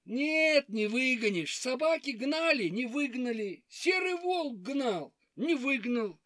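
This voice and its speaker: A woman voicing a timid, tearful little male hare who complains in a high, hurried voice. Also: expressive, a bit bright, dry recording, heavily acted. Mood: plaintive.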